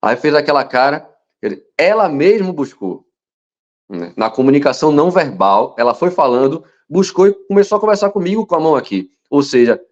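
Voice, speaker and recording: A man teaching a hypnosis lesson, telling stories with animation and sometimes dropping to a soft, slow voice to show calm. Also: a little high. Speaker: hypnosis instructor. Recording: dull lo-fi sound.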